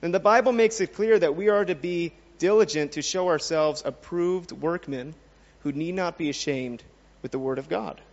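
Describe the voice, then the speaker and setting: A man with a high voice preaches a sermon in an earnest way, often putting questions to his listeners. His voice rings with a long reverb, as in a large hall. The sound is muffled and dull. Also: normal speed.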